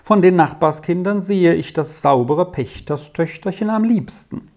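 A reader voicing a calm, good-natured older major who speaks reassuringly. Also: medium pitch, measured pace, voice pushed up, natural voice.

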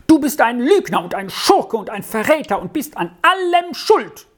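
A woman's voice: sing-song, moderate pace. A woman voicing a frightened, furious young boy who screams and shrieks in a storybook reading. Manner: screaming, shrill.

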